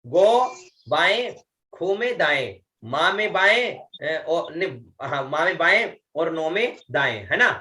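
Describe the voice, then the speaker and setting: A man with a high, bright voice leads a slow chanting lesson. He drags each syllable out at a very unhurried pace. Between the demonstrations he explains pronunciation patiently and often checks that the listener is following. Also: lively intonation. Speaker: Vedic chanting teacher. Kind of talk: online recitation lesson.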